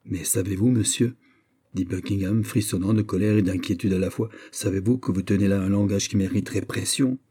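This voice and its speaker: A man's voice: fairly low pitch, fairly even intonation, brisk, mellow, slightly rough. A man reading aloud, voicing a hot-tempered, haughty young English duke in an audiobook. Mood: indignant. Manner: imperious, angry outbursts.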